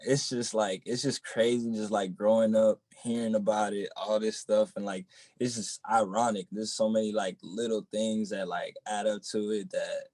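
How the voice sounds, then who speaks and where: A young man from the Boston area, a rapper in a relaxed interview, who keeps filling his talk with "you know what I'm saying.". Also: on the low side, normal speed, no echo. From Boston area, United States. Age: young adult. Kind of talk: casual interview chat.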